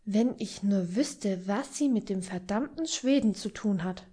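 A woman voicing a weary, jaded young gentleman in an audiobook reading, in a bored, resigned tone. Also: mid-range voice, expressive, unhurried, husky. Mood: wistful.

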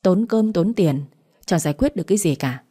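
A woman voicing a harsh, spiteful middle-aged mother who taunts and curses in a shrill voice. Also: animated, brisk, dark tone, slightly rough. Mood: scornful.

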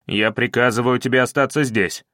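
Мужчина играет растерянного деревенского вождя, который умоляет и обиженно приказывает. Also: male voice, medium pitch, steady tone, moderate pace, a bit bright, dry recording, studio quality, natural voice. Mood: pleading. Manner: pleading, touchy. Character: flustered village chief, grown son.

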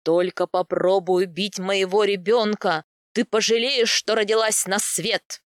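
A woman voicing a furious, domineering male steppe warrior in an audiobook, speaking low and menacing. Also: steady tone, unhurried, no room sound, studio quality, close to an everyday voice. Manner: growling, menacing, loud. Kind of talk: audiobook character voice.

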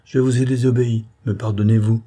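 A man voicing a jolly, mischievous country gentleman in an audiobook, given to mock-dramatic exclamations. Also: medium pitch, flat delivery, fairly quick, close to an everyday voice. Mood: cheerful.

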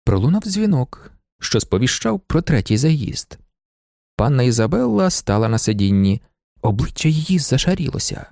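A male audiobook narrator with a gravelly, dark voice that rises and falls lively through the sentences. He reads a classic novel expressively, recorded dry and close with no room sound. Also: mid-range voice, normal speed, no echo. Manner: animated, expressive reading. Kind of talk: scripted literary narration.

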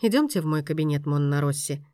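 A woman reading a novel aloud, voicing a composed, stern man who speaks calmly and firmly. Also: fast talker, no room sound, clean studio sound. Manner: calm, firm, lowered voice.

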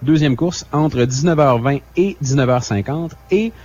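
A man's voice: a little high, unhurried, darkish tone, muffled recording. A man co-hosting a radio show, reading out a schedule with many fillers and self-mocking asides. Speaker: radio co-host.

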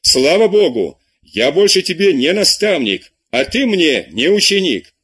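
A man voicing an angry older abbé who scolds his lazy pupil in loud, indignant tirades, with a husky voice. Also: on the high side, big pitch swings, unhurried, pitched above the performer's own voice, full character voice. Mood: outraged. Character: furious older male abbé tutor, scolding.

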